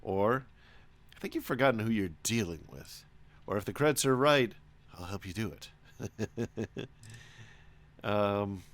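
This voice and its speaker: A man giving casual let's play commentary, thinking out loud as he goes. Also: lowish voice, animated, slow, long pauses. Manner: reads dialogue choices aloud, thinks out loud. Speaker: gaming streamer.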